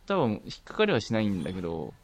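A man with a Nagoya accent, a podcast co-host chatting in a relaxed, offhand way with quick reactions. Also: on the low side. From Nagoya, Japan. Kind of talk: casual chat.

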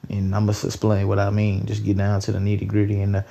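Young man, late teens, dark low voice, loose profane podcast rambling. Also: completely flat delivery, fast talker, vocal fry. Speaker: podcast host. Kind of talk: solo podcast commentary.

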